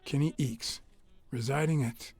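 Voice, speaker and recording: A man's voice: mid-range voice, measured pace, a little mellow, breathy edge. An actor playing a hardboiled male detective in a video game, narrating his thoughts in a dry, wry way.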